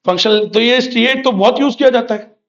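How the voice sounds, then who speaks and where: A man with a very high voice gives a revision lecture for exam students. He keeps posing questions to the class and answering them himself, now and then pushing them to write points down. The recording sounds roomy and a little dull. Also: brisk. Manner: conversational teacher, mixing in memorisation drills. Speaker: commerce exam tutor.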